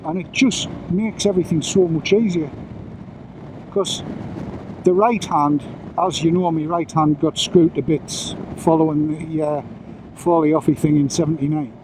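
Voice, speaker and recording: Bloke chatting on his motorbike, slightly high voice, faint road and engine noise behind. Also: steady tone, a little slow. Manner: rambling, chatty, self-mocking asides. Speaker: motorcycle vlogger. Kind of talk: casual chat while riding. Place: outdoors riding a motorcycle on roads.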